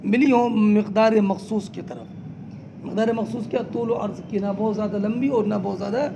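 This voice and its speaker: A man teaching a class, explaining slowly term by term, asking his students question after question and calling them "beta". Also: sits high, steady tone, vocal fry, noisy background. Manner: quizzes students with repeated questions; addresses listeners as "beta". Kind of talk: classroom lecture.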